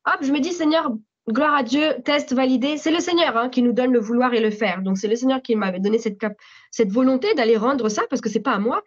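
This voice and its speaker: A woman with a French accent giving a spontaneous spoken testimony at a church meeting, animated storytelling with frequent restarts. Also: high-pitched, a little fast, breathy edge. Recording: slightly dull audio recording.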